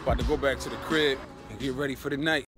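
A man's voice: medium pitch, steady tone, fast, reverberant, over music. A young man chatting casually in a vlog, slangy and laid-back, laughing often with friends. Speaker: vlogger, groom-to-be.

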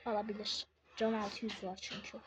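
A woman giving casual live commentary on her own game, excitable, swinging from muttering to shouting. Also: mid-range voice, normal speed, background noise.

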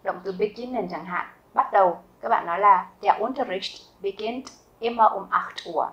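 A Vietnamese woman talks through a German grammar lesson at a steady, mid-pitched level. She explains each rule patiently and asks her students rhetorical questions. She slows right down to say each example sentence twice. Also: dull audio. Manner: repeats example sentences slowly and carefully. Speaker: German teacher.

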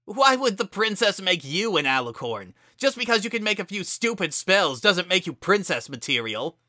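A narrator voicing an injured young female pegasus pony who is bitter and fiery, raised high and loud. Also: lively intonation, moderate pace, no room sound, studio quality. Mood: scornful.

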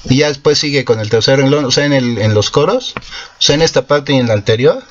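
A man's voice: mid-range voice, expressive, a little fast, a bit bright, muffled recording, slight background noise. A man, host of a guitar channel, explaining his cover in a rambling, self-correcting way full of fillers. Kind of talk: casual explanation after a sung cover. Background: acoustic guitar.

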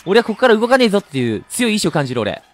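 A man giving chatty, excitable let's-play commentary while playing a video game, laughing often. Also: high voice, racing. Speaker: game streamer.

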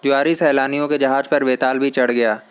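A man narrating a comic book aloud in a steady, unhurried reading voice. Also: medium pitch, clear, resonant tone.

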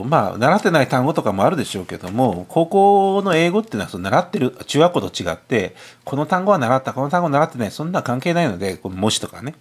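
A man with a cold walks through an English test, answering it as he goes. His voice is husky and a little breathy, and his pitch rises and falls in lively swings. He mutters asides to himself between the answers. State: has a cold. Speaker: cram school teacher. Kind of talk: explaining English test questions. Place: tutoring classroom.

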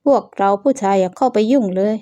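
A woman's voice: mid-range voice, fast, warm tone, lo-fi sound, close to an everyday voice. A woman voicing a weak-willed young man who talks evasively and half-apologetically. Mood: dismissive.

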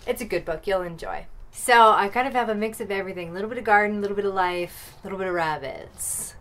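A woman in her thirties chatting casually to camera outdoors beside rabbit hutches, playful with quick asides. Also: medium pitch, a bit bright. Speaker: vlogger. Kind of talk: casual chat.

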